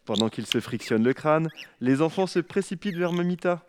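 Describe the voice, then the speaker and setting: A man narrating a children's story with an expressive, lively reading. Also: fairly high pitch, brisk, a little hiss or hum.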